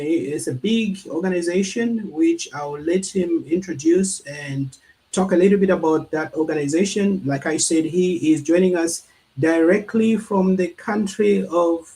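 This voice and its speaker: High-pitched male host, upbeat, introducing guests online. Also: a little mellow. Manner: upbeat, repeats short affirmations. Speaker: host, moderator. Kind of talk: hosting a virtual panel. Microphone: video call.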